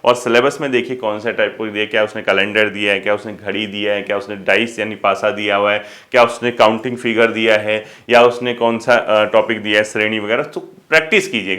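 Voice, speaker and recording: A man's voice: medium pitch, a bit bright. Male exam coach, chatty and direct, rhetorical questions. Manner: addresses students as kids, frequent rhetorical questions. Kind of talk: casual spoken exam advice.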